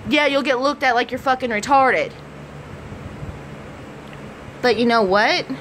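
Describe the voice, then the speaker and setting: Casting: young American woman, higher-pitched preppy voice, blunt sweary vlog chat, slightly noisy home-made recording. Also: measured pace, a bit bright. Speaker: vlogger. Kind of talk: casual personal vlog talk. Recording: faint background noise.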